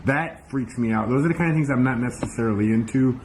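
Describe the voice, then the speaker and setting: A man joins a friend on a night-time ghost hunt, talking in an easygoing, slang-heavy way. His voice sits at an ordinary pitch with faint noise behind it. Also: fast talker, rough recording. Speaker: ghost-hunting companion. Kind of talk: casual chat. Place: outdoors at night on a bridge.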